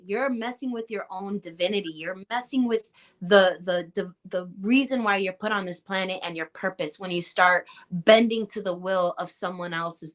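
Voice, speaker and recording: An actress with a Chicago Puerto Rican accent, guesting in a casual conversation, speaks passionately and emphatically and acts out the reactions she quotes. Her voice is mid-range with a fairly bright tone.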